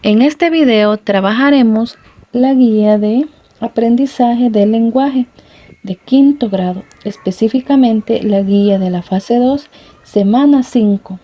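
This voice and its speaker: A woman teacher giving a recorded lesson to schoolchildren, talking slowly and patiently and calling them little friends. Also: fairly high pitch, dull audio. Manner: slow, patient, addressing children warmly as little friends. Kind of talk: recorded classroom lesson for children.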